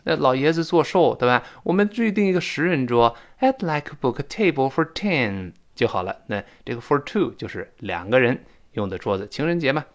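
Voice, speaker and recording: A man teaching English pronunciation in a lively, joking way, demonstrating sounds aloud. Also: medium pitch, brisk. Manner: animated, jokey, demonstrates sounds. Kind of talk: lively spoken lesson.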